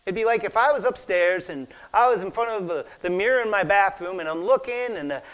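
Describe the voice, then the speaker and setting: A man preaching a sermon, telling anecdotes with lively acted-out quotes and sometimes dropping to a near whisper. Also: sits high, a little fast. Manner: animated storytelling, acts out quoted voices, drops to a near whisper for effect. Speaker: pastor.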